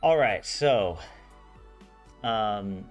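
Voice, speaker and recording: A man with a lowish, animated voice draws out his words while casually chatting and translating during a language study stream. He rambles, laughs often and restarts himself, with soft background music underneath.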